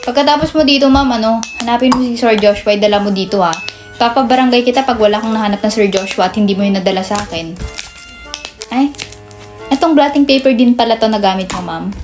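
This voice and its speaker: A woman's voice: fairly high pitch, fast talker, over music. A woman in a comedic skit, playing a nosy, bossy store cashier who chats and scolds customers.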